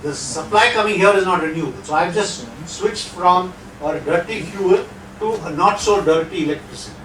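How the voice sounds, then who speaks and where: A middle-aged guest lecturer with an Indian English accent, not a native Hindi speaker, lectures and takes audience questions in a lecture hall, conversational and fond of rhetorical asides. His voice sits high and fairly bright at normal speed. The distant mic catches hall echo and slight background noise.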